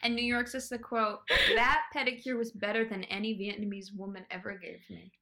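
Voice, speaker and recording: Bright-voiced woman recapping with a friend. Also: medium pitch, flat delivery, brisk. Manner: narrates events plainly, swears casually. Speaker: podcast co-host. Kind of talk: casual recap chat.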